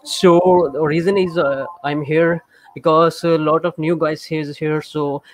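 Casting: man, slightly higher voice, dry close sound, hesitant, filler-heavy, video-call mic. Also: little pitch movement, unhurried, no room sound. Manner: hesitant, many uh fillers, non-native grammar. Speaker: student participant. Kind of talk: casual online class chat.

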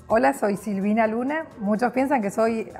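A woman's voice: on the high side, normal speed, warm tone, faint music behind. A middle-aged woman from Argentina with an Argentine accent, cheerfully recounting her career in a chatty way, seated in a hotel lobby. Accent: Argentine Spanish. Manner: cheerful, chatty, with many fillers. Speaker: guest, public relations professional. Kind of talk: personal storytelling to camera.

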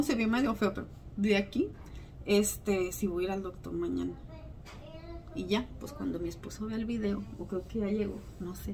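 A woman vlogger, chatting at home late at night, a little hoarse, self-mocking and full of fillers. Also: medium pitch, a little mellow, a little hiss or hum. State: slightly hoarse. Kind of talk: casual chat to camera.

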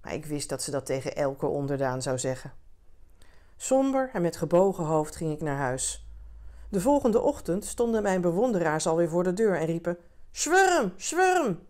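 Een vrouw die een verhaal voor volwassenen rustig en zacht voorleest als bedverhaal. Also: female voice, low-pitched, animated. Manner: gentle, unhurried storytelling. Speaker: reader of stories for adults. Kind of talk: calm bedtime reading.

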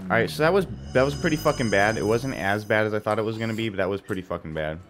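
A man's voice: lowish voice, lively intonation, racing, fairly bright tone. A man commentating his game playthrough, swearing freely and ranting in exasperation. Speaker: let's play host. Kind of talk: gaming commentary. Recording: game music behind voice.

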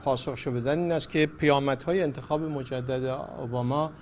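A man's voice: mid-range voice, darkish tone, slight background noise. A man hosting a political talk show, poised as a moderator, his voice lifting when he presses a point. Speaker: host.

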